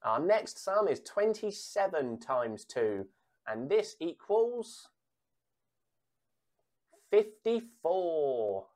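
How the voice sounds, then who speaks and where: Woman doing bingo calls for kids, really slow, low voice, pauses then says the number. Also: very animated, a little mellow. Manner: measured calling with pauses before each answer and repeated digits. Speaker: bingo caller for a children's times tables game. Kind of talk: bingo caller reading out sums and answers.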